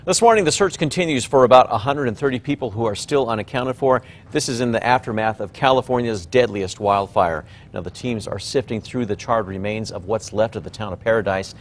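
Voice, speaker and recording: A man's voice: mid-range voice, brisk, hardly any pauses. A man anchoring television news, reading scripted stories.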